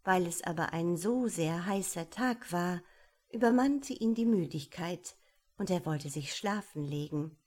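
A woman reading a fairy tale aloud in a calm, measured way. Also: lowish voice.

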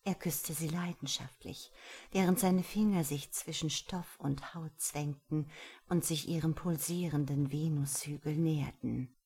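A woman narrating an erotic romance novel in a breathy, intimate reading. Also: deep voice, steady tone, measured pace, warm tone. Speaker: audiobook narrator.

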